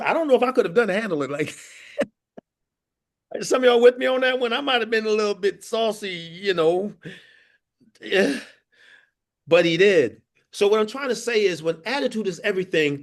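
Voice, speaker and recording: Speaking in a high voice, a male workforce trainer hosts an interactive training session online via video call. He mixes in stories, laughs frequently, and keeps asking questions of the people attending.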